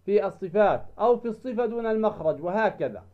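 A man teaching Quran recitation rules, drawing out example words slowly and asking himself questions, then answering them. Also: high-pitched, lively intonation, lo-fi sound. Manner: slow, drawn-out demonstration of recited words; asks and answers his own questions. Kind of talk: tajweed lesson.

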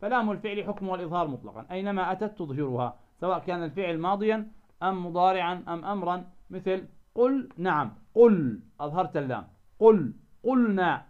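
High-voiced man teaching Quran recitation. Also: expressive, clear, resonant tone. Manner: asks the class questions and lets them finish; slows down to sound out example words. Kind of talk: tajweed lesson explaining a didactic poem. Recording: dull lo-fi recording.

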